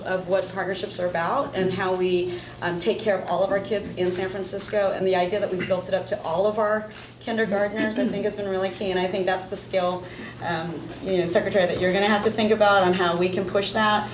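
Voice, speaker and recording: A woman speaking on a panel, telling stories in an animated, playful way. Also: medium pitch, fast talker. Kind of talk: panel discussion remarks. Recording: echoey hall with audible noise.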